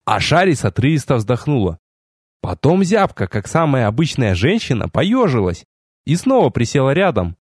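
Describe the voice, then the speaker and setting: A man reading a first-person audiobook in a wry, expressive way with sardonic asides. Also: mid-range voice, normal speed, breathy edge, no room sound, clean studio sound. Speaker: audiobook narrator.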